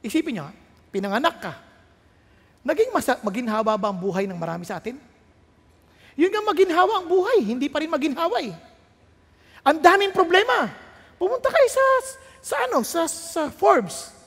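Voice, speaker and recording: A man preaching a sermon in a very high voice for a man. He mixes Tagalog and English and climbs to shouted peaks. His voice rings with the long reverb of a large hall. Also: big pitch swings, normal speed, long pauses.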